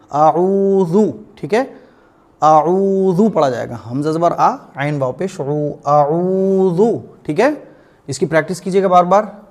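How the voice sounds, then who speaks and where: A man teaching Quran reading in a patient lesson style, asking questions and answering them himself, and slowly drawing out the words he recites to demonstrate them. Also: fairly high pitch.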